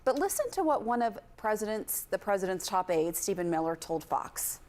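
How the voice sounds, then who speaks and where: A female news anchor with a middle-pitched voice sets up clips and hands off to her reporter. Her delivery is crisp and guiding. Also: big pitch swings, normal speed, a little mellow.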